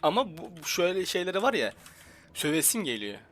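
A young man with a Turkish accent commentating his gameplay casually, joking and grumbling at the game with sudden loud outcries. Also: high voice, big pitch swings, fast talker. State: slight headache. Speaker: gaming YouTuber. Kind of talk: casual let's-play commentary. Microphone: headset.

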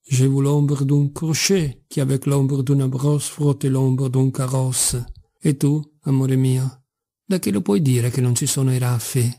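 A rambling old drunk of a father, sentimental and wicked, as a male reader voices him. His voice is dark and husky, and he mocks and wheedles as he talks in this audiobook reading. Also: medium pitch. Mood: coaxing.

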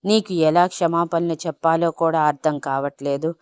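A woman voicing a remorseful young wife who pleads softly and slowly for forgiveness in a spoken love story. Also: deep voice, steady tone, smooth, no room sound, natural voice. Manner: soft, slow, pleading.

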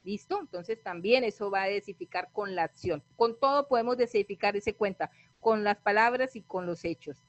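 A woman trainer gives a motivational training session and leans into storytelling, checking in with listeners through frequent little tag questions. Her voice sits at a middle pitch. The recording is dry and slightly dull, with a lo-fi edge. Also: moderate pace, no room sound, soft background music.

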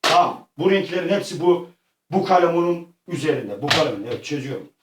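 A man acting out a comic make-believe adventure, excitable and slangy, often yelping and crying out. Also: fairly high pitch, brisk, noisy background. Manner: excitable, yelps and cries out often; slangy, rough-edged street talk. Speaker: vlogger. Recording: echoey room, far from the mic.

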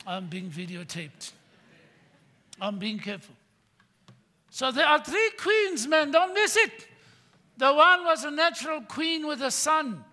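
An older man preaching a sermon from a church pulpit, swinging between loud emphatic bursts and quiet asides. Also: high-pitched. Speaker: pastor. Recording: long hall reverb.

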